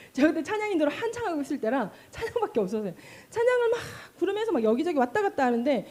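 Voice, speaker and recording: A middle-aged woman pastor giving a sermon, telling stories with animated delivery and asking the congregation questions. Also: high-pitched. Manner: animated storytelling, acting out cries and calls.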